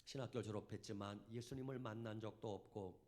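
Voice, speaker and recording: A man pastor preaching a revival sermon in a church, telling a story dramatically and swinging from hushed to shouted. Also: lowish voice, fairly even intonation, fast.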